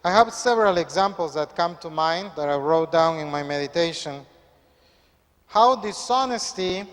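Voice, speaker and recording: A priest, reading the Gospel and preaching in a measured, earnest way. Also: male voice, sits high, fairly bright tone. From Peru. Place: church. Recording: echoey church hall.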